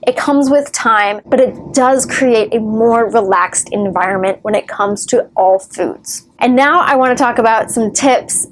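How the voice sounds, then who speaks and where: A woman's voice: a little high, measured pace, few pauses. A woman giving earnest, reassuring advice straight to camera as a recovery vlogger, with the odd wry joke. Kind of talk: encouraging direct-to-camera advice.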